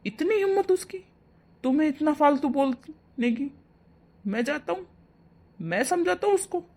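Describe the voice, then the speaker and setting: A woman voicing a hotheaded young adult son in an animated family drama, blustering to defend his mother. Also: sits high, measured pace. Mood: protective.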